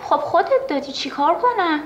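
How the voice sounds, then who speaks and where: A touchy jealous boyfriend, echoey. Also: male voice, very high voice, animated, dull audio. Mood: defensive. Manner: defensive, touchy. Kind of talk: comic screen acting. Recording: echoey room.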